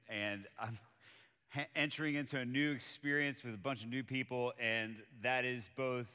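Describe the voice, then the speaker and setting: Man, from colombia, native spanish speaker, pastor, conversational sermon, bright forward voice, long church reverb. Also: mid-range voice, clean tone. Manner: conversational, personal preaching. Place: church auditorium with live audience.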